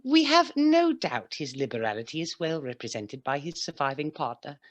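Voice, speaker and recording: A woman's voice: low voice, big pitch swings, normal speed, no room sound. A woman playing a polite, concerned charity collector with a formal, earnest manner in a radio play.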